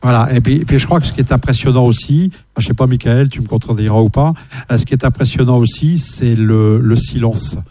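A man's voice: medium pitch, brisk, dark tone, no room sound. A man hosting a casual discussion, speaking hesitantly with many fillers and restarts, passing a shared microphone. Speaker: host.

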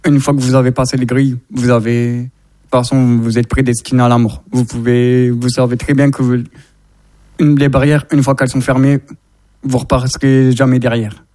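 An earnest man joins a casual discussion with a smooth, resonant voice. His pitch stays fairly level as he presses his point through repeated phrases. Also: flat delivery, moderate pace, mellow. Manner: earnest, exhorting, repetitive phrasing. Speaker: guest speaker.

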